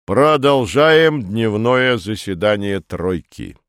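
A man voicing a pompous, heavy male committee chairman who talks slowly with grunting pauses. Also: lowish voice, animated, smooth, no echo, clean studio sound. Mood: ponderous. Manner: slow, ponderous, grunting pauses.

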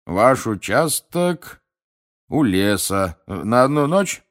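A man voicing a curious, plain-spoken campsite keeper who talks slowly and thoughtfully, in an audiobook reading. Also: medium pitch, very animated, pitched above the performer's own voice. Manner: slow, unhurried, musing.

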